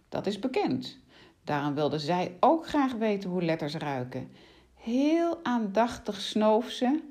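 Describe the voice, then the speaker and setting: A woman narrating a children's story aloud with expressive, animated delivery. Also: low-pitched.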